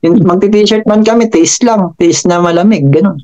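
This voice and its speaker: A man's voice: high-pitched, normal speed, darkish tone. Polite man with muffled audio. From Philippines. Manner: polite, keeps saying sir. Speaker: interview guest, welder. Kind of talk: casual interview chat. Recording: muffled audio with faint music.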